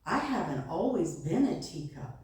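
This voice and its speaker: A woman's voice: on the low side, very animated, normal speed, a little mellow, heavy reverb, far from the mic, pitched below the performer's own voice. A woman voicing a talking teacup that cries out and begs in a storybook tale. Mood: pleading. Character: talking teacup, pleading then awed.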